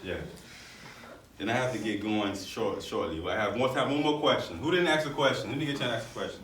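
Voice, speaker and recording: A man's voice: mid-range voice, fast talker, a bit bright. Upbeat man speaking to schoolkids. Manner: upbeat, playful call-and-response with the class. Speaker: guest speaker at a school career day. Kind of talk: motivational talk to children. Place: school classroom or hall. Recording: echoey room, distant camera, noisy.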